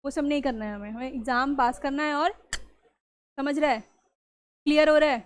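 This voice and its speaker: A woman's voice: high voice, steady tone, normal speed. A woman teacher, giving a classroom grammar lesson and often checking whether the students understand. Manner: mixes Hindi and English, keeps asking the class if it is clear.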